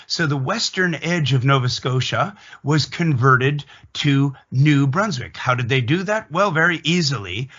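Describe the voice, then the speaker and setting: Recorded with dull audio, an Atlantic Canadian man with a Canadian accent gives an interview monologue that's emphatic and opinionated, told deliberately as a story. His medium-pitched voice is expressive and fairly bright.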